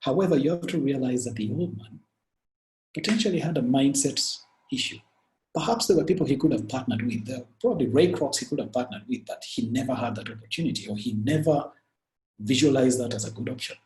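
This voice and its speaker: A Ugandan man with a Ugandan accent gives a webinar talk, walking through business stories in an earnest, lively way. His voice is medium-pitched and fairly quick, recorded in an echoey room.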